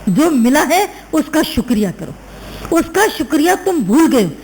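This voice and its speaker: High, gravelly-voiced woman preaching. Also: big pitch swings, a little slow, a little mellow, slight background noise, low-quality recording. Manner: repeats phrases for emphasis, acts out the story's voices. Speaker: spiritual teacher. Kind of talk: sermon with a story.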